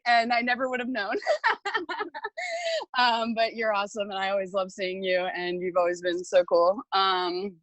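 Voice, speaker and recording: A woman's voice: mid-range voice, a bit bright, no echo. A young woman with a Long Island accent chats casually and informally as a podcast guest, often giggling and peppering her talk with "like". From Long Island, New York. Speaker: podcast guest, comedian and model. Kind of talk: casual chat.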